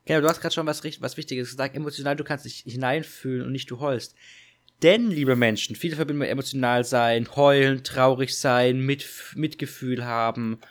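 A woman's voice: rumbling low, steady tone, a little fast. A woman co-hosting a podcast in casual chat, dry and teasing, often correcting her partner. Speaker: podcast co-host.

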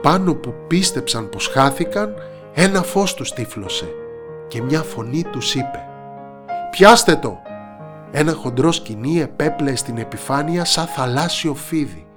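A man narrating a children's storybook with expressive delivery. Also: a little high. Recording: narration over soft instrumental music.

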